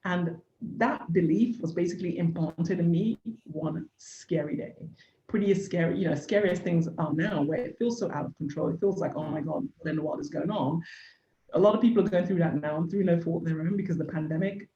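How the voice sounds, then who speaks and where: This is a personal story from a podcast interview, told by a woman in her forties from Nigeria who founded a business. She talks earnestly and openly, leaning on the word "literally," in a warm, fairly low voice at a brisk clip. There's slight background noise, and the echoey room makes the audio dull and lo-fi.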